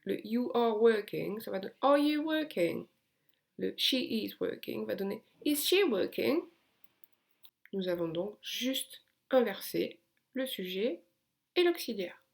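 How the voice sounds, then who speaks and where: A woman walks learners through a grammar lesson, patient and clear, leaning on the words that matter. Her voice carries a gravelly, creaky edge at the bottom of her phrases. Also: medium pitch, lively intonation, slow. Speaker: English teacher.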